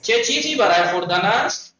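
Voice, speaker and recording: Bright-voiced male teacher on an echoey call. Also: high voice, animated, slight background noise. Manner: drills words slowly for students to repeat. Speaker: language teacher. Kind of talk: online Persian lesson. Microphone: online class call. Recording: echoey, distant, lo-fi online call.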